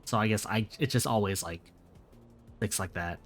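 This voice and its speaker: A man with a fairly low voice chats casually on a late-night stream. He rambles, restarts his sentences and corrects himself as he answers viewers. Soft music plays faintly behind him. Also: moderate pace.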